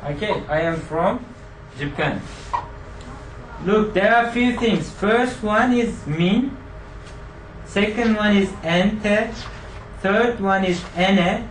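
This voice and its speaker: A man's voice: sits high, takes it slowly, recorded from a distance, slight background noise. A man teaching a classroom grammar lesson, quizzing students and repeating their answers back to them. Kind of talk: classroom lecture with student drills. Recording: echoey room picked up from afar.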